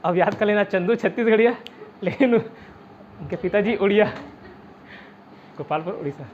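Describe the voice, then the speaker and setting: A high-pitched man with a Chhattisgarh Hindi accent teaches an online exam-prep class. He is chatty and keeps quizzing his students with memory tricks. The recording is dull and lo-fi, with a faint hiss behind him. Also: normal speed. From India. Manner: chatty, repeats "theek hai", quizzes students with mnemonics.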